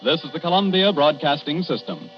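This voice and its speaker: A man reading credits and schedule as a formal network announcer, in a crisp 1940s broadcast style on a muffled old recording. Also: on the high side, lively intonation, brisk, music in the background.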